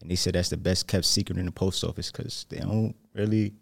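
A man's voice: low voice, fairly even intonation, fairly quick, vocal fry. A man with a Brooklyn New York accent, chatting casually in slangy, street-style speech as a guest. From New Jersey, US. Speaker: hot seat guest, aspiring motivational speaker. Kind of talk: casual conversation.

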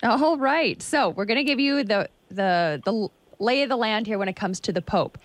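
A woman's voice: a little high, expressive, normal speed. A woman co-hosting a morning radio show with playful, teasing banter and quiz questions.

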